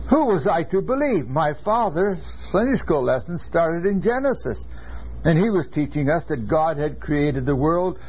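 A man's voice: a little high, slightly rough. An older man from California, a seminary professor, lecturing earnestly and telling stories from his own life. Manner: measured, earnest, anecdotal. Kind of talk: classroom lecture with personal storytelling. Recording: dull lo-fi lecture recording.

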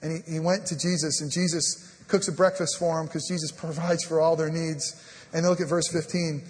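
At a moderate pace, a male pastor with a high-pitched voice delivers an animated sermon, rising to loud stresses and sinking almost to a whisper as he acts out scriptural exchanges. He relies on "I mean," and the recording has long church reverb plus a slight hiss or hum.

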